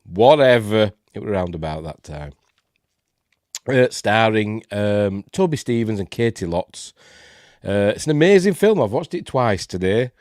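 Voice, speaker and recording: Hosting a live-stream film review, this man from Yorkshire rambles and hesitates, filling gaps constantly while snuffling through a cold. He has a lowish, slightly mellow voice, animated but unhurried. The studio-quality sound carries no room ambience.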